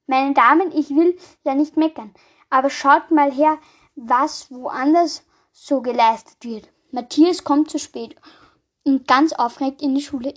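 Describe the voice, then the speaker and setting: A woman hosting a podcast, reading jokes aloud with small slips and casual asides. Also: sits high. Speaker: podcast host.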